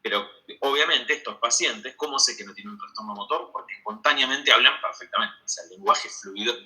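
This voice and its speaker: A man's voice: medium pitch, brisk, sharp tone, low-quality recording. A man giving an online medical school lecture, explaining step by step and checking in with "¿sí?" again and again.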